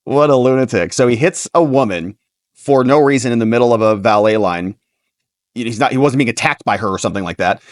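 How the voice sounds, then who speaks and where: A man's voice: mid-range voice, fairly quick, no room sound, clean studio sound. A man hosting a livestream, reading a news story aloud and breaking in with sarcastic asides. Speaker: host.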